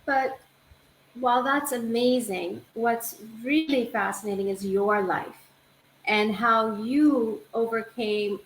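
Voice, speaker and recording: A woman's voice: fairly high pitch, takes it slowly. A woman hosting an interview, asking long, enthusiastic, framing questions. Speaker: interview host. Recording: echoey room with faint noise.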